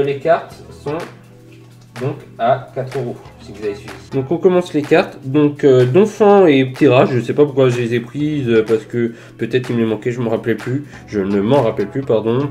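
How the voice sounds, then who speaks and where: A man's voice: medium pitch, normal speed, dark tone, faint music behind. A man in a casual collector vlog, filmed indoors under lamps with a desk mic, showing flea-market finds enthusiastically with lots of fillers. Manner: enthusiastic, many fillers and "voilà". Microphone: desk microphone near camera.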